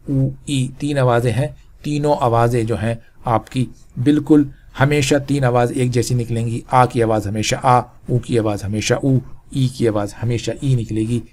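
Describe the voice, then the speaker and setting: A man's voice: mid-range voice, darkish tone. A man giving a tajweed lesson, explaining step by step and sounding out vowels and letters one by one, closing with Arabic prayers. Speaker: Quran recitation teacher.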